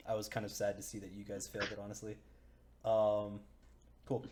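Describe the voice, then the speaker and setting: A man narrating as dungeon master in a home tabletop session, relaxed and chatty, often restarting his sentences. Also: on the low side, a little fast. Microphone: home computer mic, voice chat.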